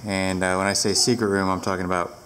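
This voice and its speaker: Very low-voiced woman reviewing a heater. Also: fast, a little hiss or hum. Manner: relaxed, rambling, with fillers. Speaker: product reviewer. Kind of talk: casual product review. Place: large barn indoors, door open to wind. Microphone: handheld camera.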